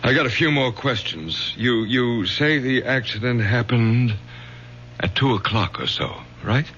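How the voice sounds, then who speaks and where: In a 1970s radio drama, a male actor plays a stern middle-aged father, a college professor who takes charge with firm, clipped lines. His medium-pitched voice is lively in intonation, slightly slow and a bit bright. The vintage recording sounds dull, with a faint hum.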